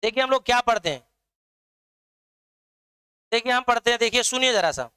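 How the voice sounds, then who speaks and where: A man's voice: very high voice, expressive, normal speed, bright, forceful tone, clear, resonant tone. A man teaching an online math lesson, drilling his students with repeated questions.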